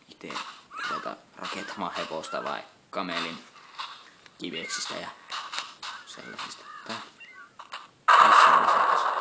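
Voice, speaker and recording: A young man gives casual let's-play commentary, swearing freely and muttering in exasperation. His voice is low and gravelly, but it jumps around a lot in pitch. Loud noise sits behind the recording. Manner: frequent cursing, exasperated muttering. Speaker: gameplay commentator.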